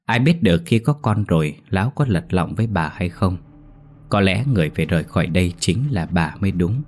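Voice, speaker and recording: A man narrating a horror story in a steady, grave manner. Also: sits low.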